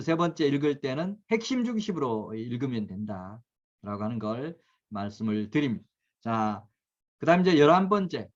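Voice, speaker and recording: Brief: middle-aged man, self-help lecturer, mid pitch, earnest and steady, slightly dull recording. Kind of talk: lecture to camera.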